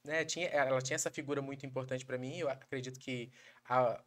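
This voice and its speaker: A woman with a Brazilian accent chatting on a podcast in an earnest, reflective, somewhat halting way. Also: extremely low pitch, fairly even intonation. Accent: Brazilian Portuguese. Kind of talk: casual chat.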